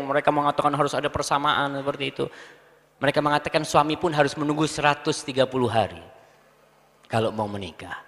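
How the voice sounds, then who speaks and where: Man giving a sermon, animated, low murmurs to loud high bursts, fairly high voice, long reverb of a hall. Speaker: preacher.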